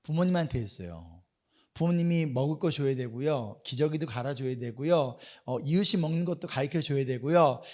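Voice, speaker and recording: A man in his thirties preaching a sermon as a church pastor, asking the congregation questions and answering them himself, swinging from loud exclamations to quiet asides. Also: medium pitch, lively intonation, normal speed. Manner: tells stories with laughter. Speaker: senior pastor. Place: church hall.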